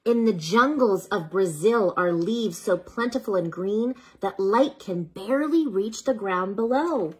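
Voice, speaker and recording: A woman with a mid-range, somewhat husky voice unhurriedly reads a bedtime story meant for children. She is expressive throughout, speaking as if to a child.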